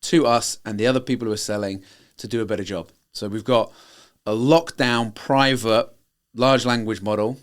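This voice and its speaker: A man's voice: on the low side, steady tone, moderate pace, clear, resonant tone. A man from Britain co-hosting a tech podcast, explaining things in a matter-of-fact, casual way. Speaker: podcast co-host. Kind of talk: casual chat.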